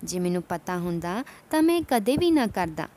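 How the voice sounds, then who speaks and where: A man's voice: high voice, sing-song, normal speed, a little mellow. A woman voicing a weeping old male leper. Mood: pleading. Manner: pleading, sorrowful. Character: suffering male leper, once a village chief, weeping.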